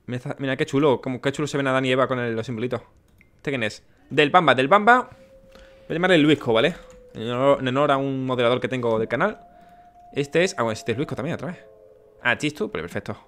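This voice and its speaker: A let's play host from Spain talks fast in a mid-range, slightly bright voice. His gameplay commentary is casual and chatty, and he mutters both to himself and to the game characters.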